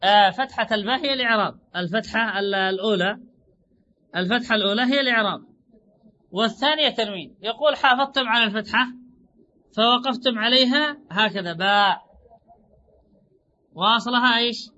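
Very high-voiced, bright male teacher. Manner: repeats points and asks rhetorical questions; draws out example words slowly. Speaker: Arabic grammar teacher. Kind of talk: classroom lecture. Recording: dull lo-fi recording.

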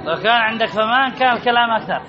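High-voiced male teacher quizzing a class. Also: rapid-fire, a crowd in the background, background noise. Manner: repeats rules, quizzes listeners with questions. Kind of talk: classroom grammar lesson. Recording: dull lo-fi recording with audience murmur.

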